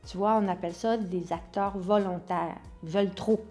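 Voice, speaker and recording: A woman's voice: medium pitch, steady tone, normal speed, warm tone, soft background music. Québécois woman teaching an acting lesson. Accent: Québécois French. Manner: explanatory, demonstrates stress by example.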